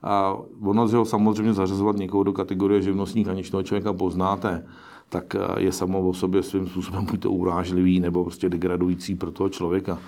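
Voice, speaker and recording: In this interview clip, a middle-aged investor with a very deep voice answers questions about his work in a level, unvarying tone. His manner is practical and reflective, and he keeps stopping mid-sentence to correct himself and start over.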